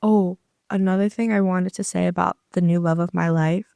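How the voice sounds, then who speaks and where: A young woman co-hosting a casual chat podcast, retelling conversations with quick asides. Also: lowish voice, steady tone, vocal fry, dark tone, dry recording, studio quality. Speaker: podcast co-host.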